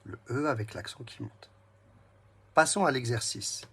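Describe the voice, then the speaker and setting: A man with a slightly husky, mid-pitched voice gives a reading lesson to young children. He speaks unhurriedly and warmly, breaking each word into syllables. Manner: speaks slowly, splits words into syllables. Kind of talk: slow, patient reading lesson addressed to a child.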